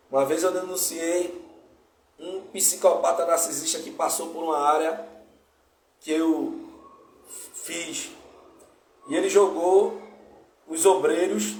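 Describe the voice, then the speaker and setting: Emphatic preacher in an echoey room. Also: male voice, on the high side, slight background noise. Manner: emphatic, addresses listeners as brothers. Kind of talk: sermon. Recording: echoey room, distant mic, faint ambience.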